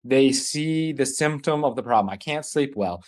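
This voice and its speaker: A man's voice: medium pitch, lively intonation, normal speed. Man coaching a live online masterclass. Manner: loose and conversational, often rephrasing mid-sentence. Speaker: business coach hosting a masterclass. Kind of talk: live online teaching session.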